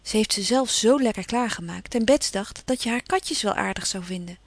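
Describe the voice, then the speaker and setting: A woman's voice: medium pitch, normal speed, dry recording, close to an everyday voice. A woman reading aloud, voicing a spirited, outspoken teenage girl in a storybook. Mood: chatty.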